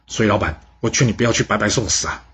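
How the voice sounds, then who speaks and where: A man's voice: fairly low pitch, rapid-fire, a bit bright, slightly rough. A man doing a pleading loyal retainer. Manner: earnest, pleading. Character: loyal male retainer pleading with his master. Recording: dull lo-fi sound.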